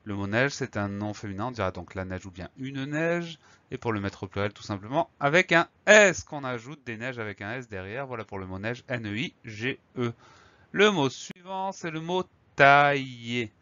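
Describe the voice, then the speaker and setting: A man teaching a spelling lesson, reading out words and spelling them slowly letter by letter. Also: mid-range voice, expressive, a bit bright, no echo, highs cut off. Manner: slow, careful spelling out of letters. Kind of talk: scripted lesson narration.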